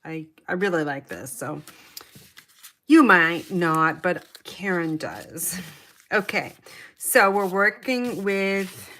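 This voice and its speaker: A woman's voice: fairly low pitch, fairly bright tone. A middle-aged woman chatting her way through a paper craft tutorial, talking to herself as she works. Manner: chatty, talks to herself while working. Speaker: papercraft demonstrator.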